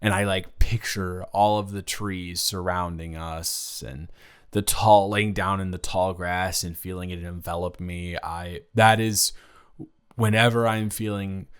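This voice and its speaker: In an improvised audio roleplay, a young man plays a flustered, tender college student speaking intimately to his childhood crush, stammering and halting. His voice sits low, clear and resonant, and the mood is nostalgic and tender.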